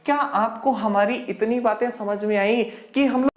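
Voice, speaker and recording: A woman with a fairly high voice teaches a grammar lesson for an exam. She drills each point over and over, firing rhetorical questions at the class and answering them herself. Her voice rings with a noticeable room echo. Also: steady tone, moderate pace. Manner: repeats points and quizzes listeners with rhetorical questions. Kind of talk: exam-prep lecture. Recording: roomy echo.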